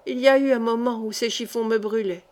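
A woman's voice: a little high, steady tone, a little fast, darkish tone, natural voice. Woman reading a shy young servant girl. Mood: earnest.

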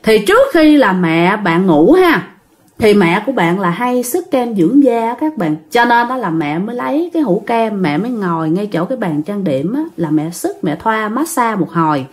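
A woman's voice: medium pitch, moderate pace. A woman with a Southern Vietnamese accent telling a ghost story in a casual way, talking straight to her listeners. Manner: animated, addresses listeners directly.

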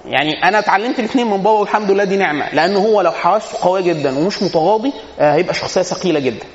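In an echoey hall with dull lo-fi sound, a man with an Egyptian Arabic accent gives an informal religious lesson at a racing pace. His voice sits high with a little hiss or hum, and he tells humorous anecdotes and asks rhetorical questions he then answers himself.

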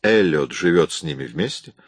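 A cold, powerful boss who gives terse, commanding questions and orders, read by a man. His voice is low and dark, and the recording is dry and close. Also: lively intonation, normal speed, no room sound. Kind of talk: audiobook reading.

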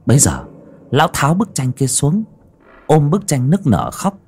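A man with a husky voice reads a spooky audiobook, his pitch rising and falling widely. He tells the story dramatically, leaning into each tense moment. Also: wildly swooping pitch, moderate pace, a little mellow. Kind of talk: dramatic horror audiobook narration.

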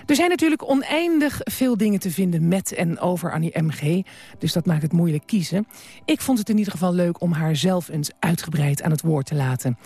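A woman with a Dutch accent, a radio presenter calmly reading a scripted introduction. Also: fairly low pitch, brisk, husky, no echo.

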